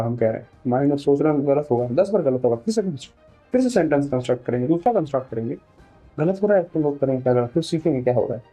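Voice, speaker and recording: Mellow-voiced man teaching casually. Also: medium pitch. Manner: conversational, repeats words, mixes English phrases into explanations. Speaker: English teacher. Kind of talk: casual spoken tutorial.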